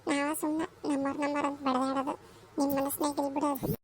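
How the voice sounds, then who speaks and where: A woman voicing a warm, chatty village mother with a North Karnataka accent, scolding and affectionate by turns, in a cartoon. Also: high voice, little pitch movement, brisk, a little hiss or hum. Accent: North Karnataka Kannada. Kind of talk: cartoon voice acting.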